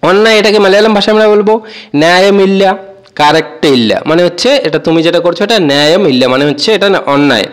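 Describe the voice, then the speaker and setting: A man giving a casual spoken language lesson, repeating each word slowly and addressing viewers as friends. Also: high voice, smooth. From Bengal. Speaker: language teacher.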